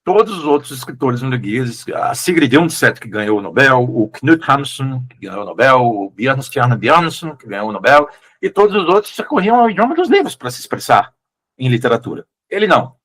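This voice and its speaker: A Brazilian man, a literary translator, talking through his choices in a relaxed interview, with frequent restarts and questioning tags. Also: mid-range voice, normal speed. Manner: thoughtful, hesitant, many restarts and "né?" tags. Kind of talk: casual conversational interview.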